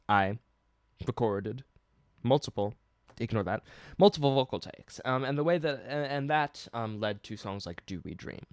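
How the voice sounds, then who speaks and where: A man's voice: mid-range voice, no echo, clean studio sound. A singer-songwriter man casually breaking down his own songs, rambling and cutting himself off as he plays keyboard and guitar. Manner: rambling, self-interrupting, laughs at himself; stops and restarts to play keyboard and guitar.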